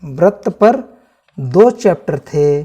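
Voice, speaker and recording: In a casual syllabus walkthrough, a male teacher goes through the maths chapters one by one, repeating every item and addressing viewers as friends. He speaks slowly in a slightly high, husky, dark voice with lively intonation, and the audio is dull.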